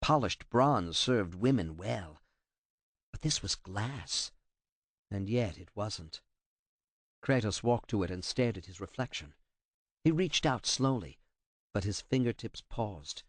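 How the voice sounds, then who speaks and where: A man narrating an audiobook with a dramatic, expressive delivery. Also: lowish voice, unhurried, long pauses, no echo.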